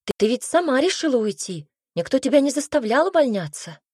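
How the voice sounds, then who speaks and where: A blunt, outspoken young woman friend, as a woman narrator puts her on in an audiobook, scolding in a sharp, mocking manner. Her voice is husky, a little higher and louder than the reader's own, with a dry close sound. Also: big pitch swings, a little fast, no room sound, exaggerated voice.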